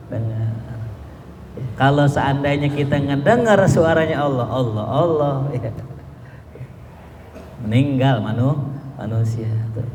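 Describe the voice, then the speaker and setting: A man giving a chatty, humorous religious lecture, slowly chanting Arabic phrases between casual remarks. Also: fairly high pitch, darkish tone, a little hiss or hum. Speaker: ustadz, religious teacher. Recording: echoey hall with long reverb.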